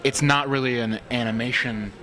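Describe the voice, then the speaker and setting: A man's voice: medium pitch, fairly even intonation, normal speed, sharp tone. A man in casual podcast chat, talking loosely with many fillers and hedges.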